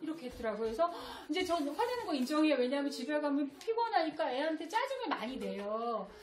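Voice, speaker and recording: A woman's voice: sits high, big pitch swings, quick pace, a little hiss or hum. A woman giving a parenting lecture to adoptive parents. She acts out the lines of parents and children and laughs often. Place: lecture hall with audience. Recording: echoey hall with audience.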